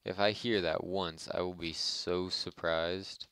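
A man's voice: low voice, fairly even intonation, takes it slowly, a bit bright, clear, resonant tone, no room sound. A man giving casual, rambling gameplay commentary with a harsh voice, joking and chatting with his viewers. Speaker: let's play host.

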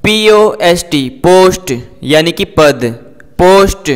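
Slow, deliberate man teaching vocabulary. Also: high voice, lively intonation, long reverb tail. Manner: slow, repeats each word twice with its meaning; explains spelling and pronunciation to students. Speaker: English teacher. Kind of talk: vocabulary lesson.

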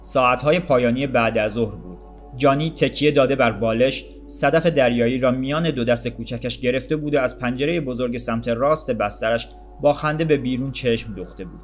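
Calm man reading a story. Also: mid-range voice, faint music behind. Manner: calm, measured, literary. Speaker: audiobook narrator.

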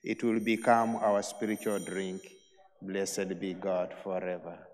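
A man, a priest, intoning the prayers of Mass in a solemn, measured way, with a cathedral echo around his voice. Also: sits low, flat delivery. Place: large church. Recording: long church reverb.

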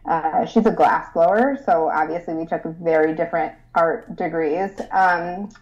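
This guest designer is a young adult woman from Rochester, New York, chatting in a casual interview. She laughs a lot and comes across as bubbly and eager, though her voice is lowish and darkish in tone and she speaks unhurriedly. The audio is dull and lo-fi.

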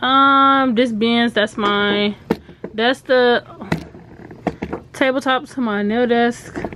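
A woman's voice: a little high, fairly even intonation, drawn-out words. A young woman vlogging in a cluttered basement storage room, talking casually to the camera and rambling when unsure. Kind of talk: casual vlog. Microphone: handheld camera close up. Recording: noisy home video.

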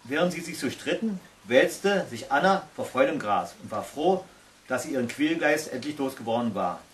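A man's voice: mid-range voice, lively intonation, moderate pace, a little hiss or hum. A man reading a children's Christmas story aloud as a storyteller.

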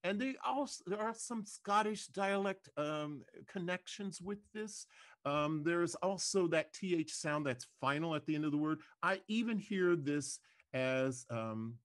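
A man, a music professor, giving a measured lecture and demonstrating pronunciations aloud. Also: on the high side, animated. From American South. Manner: measured, thoughtful, demonstrates pronunciations and sings examples. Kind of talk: recorded lecture.

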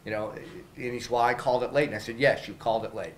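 A middle-aged man talks through a post-game press interview, loose and candid, with plenty of fillers and false starts. His voice sits at an ordinary middle pitch. Reporters' handheld mics are close to him in a small room with a faint hum underneath. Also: steady tone, rapid-fire, rough recording. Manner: candid, conversational, many fillers and restarts. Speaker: baseball team manager. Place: small press room in front of a logo backdrop. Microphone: several handheld reporter mics held up close.

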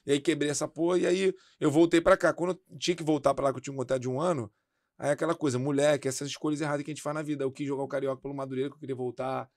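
A fast-paced male interview guest, in his forties. He talks in a frank, slangy way, swearing freely. The sound is dry and close, with no room echo. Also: on the high side, level tone. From Brazil. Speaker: interview guest, former footballer. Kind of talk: casual interview chat.

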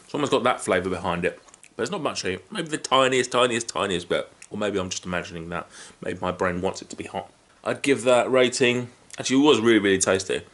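A man's voice: on the low side, quick pace, a bit bright. A British man in his thirties giving a casual food review at home, talking between bites of crunching chips. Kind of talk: casual, unscripted tasting review to camera. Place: small living room at home, indoors. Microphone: camera a short distance in front. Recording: clear background noise, crinkling packets.

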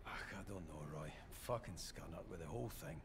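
An actor playing a stubborn, sardonic working-class Scottish rig electrician in a video game, dry, sweary and defiant. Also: male voice, sits low, very animated, brisk, creaky, noisy background, heavily acted. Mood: sullen.

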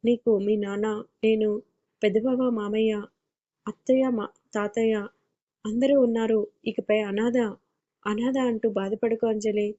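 A woman's voice: a little high, fairly even intonation, unhurried, long pauses, mellow, close to an everyday voice. A woman reading the lines of a caring young man who coaxes and scolds affectionately in a storybook audio tale. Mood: coaxing. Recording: dull lo-fi audio.

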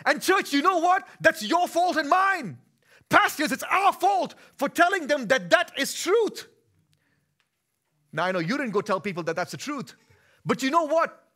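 An Indian-accented man in his thirties from India preaches as a pastor on a church stage, sliding between easy conversation and forceful emphasis. His pitch is extremely high with big swings, and he speaks at normal speed.

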